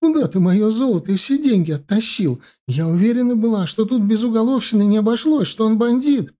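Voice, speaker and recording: A man voicing a frightened, sobbing wife who protests in a shrill, high voice. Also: very animated, normal speed, warm tone. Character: tearful frightened wife, young woman.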